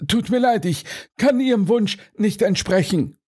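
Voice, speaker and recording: A man's voice: high voice, animated, a little slow, warm tone, slightly rough, voice pushed up, heavily acted. A man reading an audiobook, voicing a cook who politely and apologetically refuses. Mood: apologetic.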